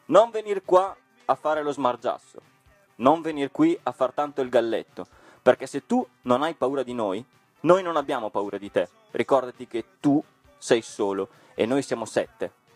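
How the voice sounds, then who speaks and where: A man's voice: mid-range voice, moderate pace, no room sound, faint music behind, close to an everyday voice. A man reading a storybook and voicing a gang of rowdy schoolboy bullies, scornful and threatening.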